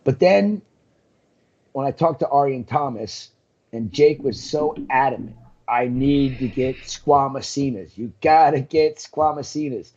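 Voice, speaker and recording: This guest on a live talk stream, a coral business owner, chats casually over a video call, spinning rambling stories full of ums and laughing frequently. He speaks at a medium pitch and an unhurried pace, with a darkish tone and the highs cut off.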